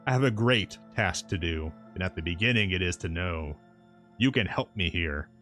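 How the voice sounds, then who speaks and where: A man's voice: deep voice, animated, moderate pace, sharp tone, soft background music. A man voicing a kindly, earnest old professor with solemn, courtly and quaintly broken phrasing in a storybook reading.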